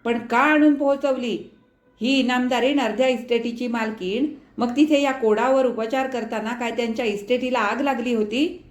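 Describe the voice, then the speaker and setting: A woman voicing a furious, short-tempered middle-aged father who shouts abuse in loud outbursts, heard in an echoey room. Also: fairly high pitch, steady tone, moderate pace, voice pushed up, close to an everyday voice. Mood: raging.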